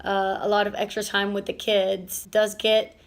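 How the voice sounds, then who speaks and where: With a medium-pitched voice, a flat delivery and a moderate pace, a Venezuelan woman hosts a casual family vlog as a stay-at-home mom. Her talk rambles somewhat, full of fillers and restarts.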